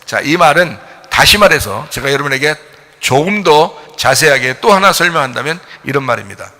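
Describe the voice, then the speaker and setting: A male pastor preaching a sermon, addressing listeners directly in blunt informal speech, with sudden loud rises and hushed questioning drops. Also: fairly high pitch, animated, normal speed.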